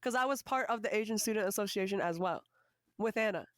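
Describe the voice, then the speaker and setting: A woman in her twenties co-hosting a casual podcast, animated and opinionated, swearing casually. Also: medium pitch, fast, dry recording, clean studio sound. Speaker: podcast co-host.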